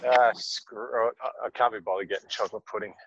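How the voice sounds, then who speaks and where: A man's voice: lowish voice, fairly even intonation, fairly quick, dull audio. A man co-hosting a podcast in casual chat, with a laconic, blokey manner. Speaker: podcast co-host. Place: out on a call from a supermarket.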